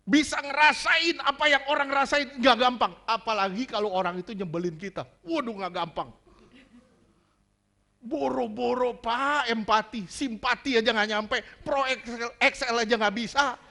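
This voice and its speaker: Pastor guy preaching, high bright voice, cracks jokes a lot. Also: normal speed. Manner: joking, animated preaching with laughter. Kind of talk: sermon.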